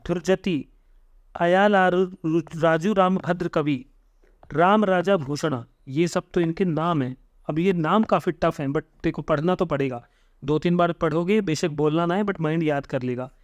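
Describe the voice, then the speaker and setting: A young man teaching an exam-prep history lesson, reading notes slowly, then explaining them quickly and stumbling over hard names. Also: high-pitched, dry recording. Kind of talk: lecture reading notes aloud, explaining in mixed Hindi and English.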